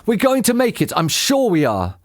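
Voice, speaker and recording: A man's voice: high-pitched, huge pitch swings, moderate pace, voice pushed up. A man voicing a brave father fox who urges his family on in a children's storybook. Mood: desperate encouragement.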